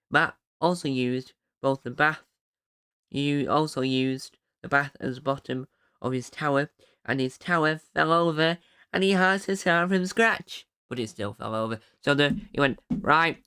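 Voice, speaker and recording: Chatty man hosting a podcast, smooth voice. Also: medium pitch. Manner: chatty and rambling, with bursts of excited cheering. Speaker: podcast host. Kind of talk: casual solo podcast recap.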